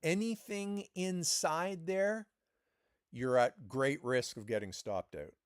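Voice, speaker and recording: A man's voice: a little high, slow, clean tone, no room sound, clean studio sound. A man streaming live trading commentary, coaching viewers in an emphatic way and repeating words as he presses his points.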